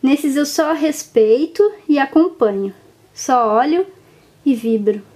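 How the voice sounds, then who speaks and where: A woman, gently narrating a reflective personal story in short, lingering phrases. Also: high voice, expressive, takes it slowly.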